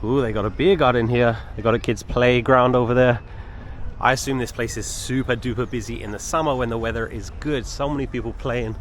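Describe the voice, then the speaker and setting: Walking through city streets and a park, this English travel vlogger talks a little fast in a mid-range, fairly even voice over slight background noise. He's casual and enthusiastic, stressing emphatic words and repeating intensifiers.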